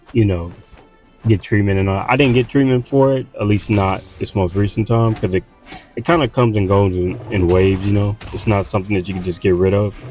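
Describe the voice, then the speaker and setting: A man's voice: deep voice, mellow. A man from Texas with a Southern accent, tired from little sleep, rambling casually with lots of fillers and restarts while playing a game. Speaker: gaming streamer.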